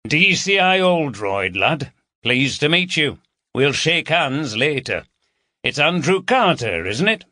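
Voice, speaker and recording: A man performs an audiobook character voice, pitched above his own and deliberately exaggerated: a jovial, teasing middle-aged Yorkshire police chief. The delivery is high-ish, sing-song, slow, bright and forceful, hearty and bantering in broad dialect. The studio-quality recording has no room sound.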